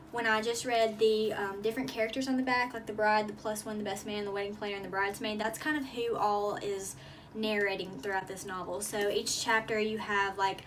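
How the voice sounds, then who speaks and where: A woman's voice: mid-range voice, a bit bright, recorded from a distance, a little hiss or hum. A young woman casually reviewing a book for her vlog, chatty and upbeat, a little out of breath and full of fillers. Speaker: book vlogger.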